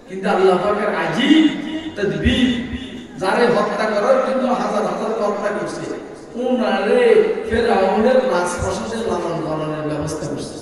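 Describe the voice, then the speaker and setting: An older man from Bangladesh preaching a fiery sermon, who keeps firing rhetorical questions at the crowd. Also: sits high. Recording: echoey hall, voice from far off.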